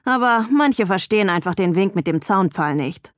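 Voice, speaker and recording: A brash young man, read by a woman, gruff and condescending in an audiobook. His lines sit at a middling pitch and come across dry and close, with no room sound around them. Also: animated, normal speed, dry recording, close to an everyday voice. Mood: offhand. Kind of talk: audiobook character voice.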